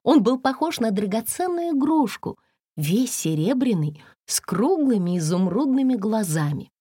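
A woman narrating a fairy-tale audiobook in an expressive, measured storytelling manner. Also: a little high, breathy edge, no echo, clean studio sound.

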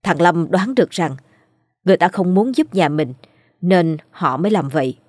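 A woman's voice: fairly low pitch, lively intonation, moderate pace, a little mellow, no room sound, clean studio sound. A woman narrating a ghost story in a scripted storytelling style.

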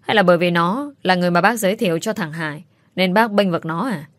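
Woman reading a nosy, sharp-tongued aunt who nags and scoffs, pitched a little low, dry. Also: fairly quick, no echo, natural voice. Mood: scornful. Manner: scornful, nagging.

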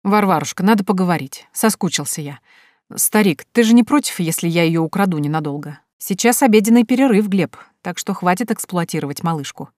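A smug young charmer talks in a wheedling, needling way, read by a woman narrator. The voice sits low, and the recording is dry and close, with no room sound. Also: expressive, fairly quick, dry recording, close to an everyday voice. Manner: wheedling, then bitter and shouting.

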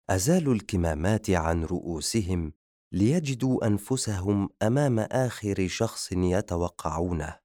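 Man reading an audiobook, really deep voice, dry close mic. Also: a little mellow, no echo. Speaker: audiobook narrator. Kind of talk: scripted narration.

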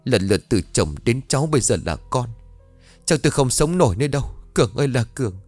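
A man's voice: mid-range voice, lively intonation, racing, a little mellow, no echo, soft background music, pitched above the performer's own voice, close to an everyday voice. A man voicing a grieving older mother in a ghost story, wailing over her son. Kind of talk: audio ghost story reading.

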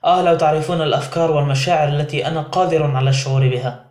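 A man's voice: on the high side, fairly even intonation, very fast, darkish tone. A man narrating a novel in the first person as an audiobook, in a dramatic reading style. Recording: roomy echo.

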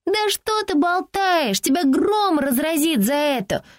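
A woman's voice: very high-pitched, sing-song, a little slow, dry recording, clean studio sound, pitched above the performer's own voice, heavily acted. A woman reading an audiobook voices a five-year-old neighbour girl who taunts in blunt, slangy speech. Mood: taunting. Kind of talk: audiobook character voicing.

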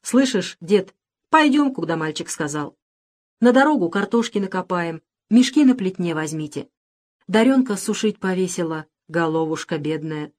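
A woman reading the lines of a firm, practical old village grandmother who talks briskly and matter-of-factly, in a storybook reading. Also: lowish voice, animated, darkish tone, close to an everyday voice. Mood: gentle.

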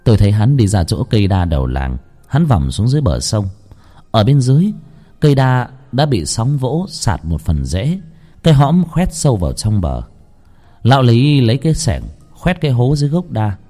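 Man with a dark, emotional storytelling voice. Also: mid-range voice, sing-song, moderate pace. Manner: emotional, swinging from hushed to pleading. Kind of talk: dramatic ghost story narration. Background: faint music.

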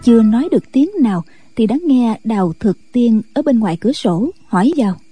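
A woman narrating a martial-arts novel in steady audiobook storytelling. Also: a little high, a little fast, soft background music.

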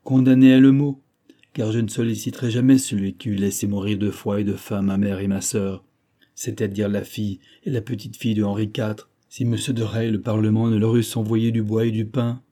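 A man's voice: lowish voice, level tone, a little fast, warm tone, lightly acted. Man reading as an exiled king, pleading. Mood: despairing. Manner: solemn, earnest pleading. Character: exiled young king, desperate, pleading, proud.

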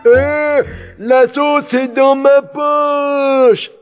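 A man's voice: extremely high pitch, little pitch movement, very slow, voice pushed up, full character voice. A man voicing a bold, simple-minded young peasant with a goofy, drawling delivery. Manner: goofy, drawling, self-assured. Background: music bed.

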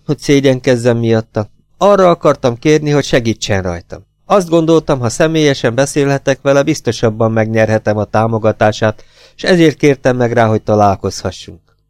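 A man's voice: mid-range voice, expressive, darkish tone, clean tone, no echo, studio quality, natural voice. A man reading an audiobook voices a proud, defensive woman who answers with defiant agitation. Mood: agitated. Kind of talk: audiobook character voice.

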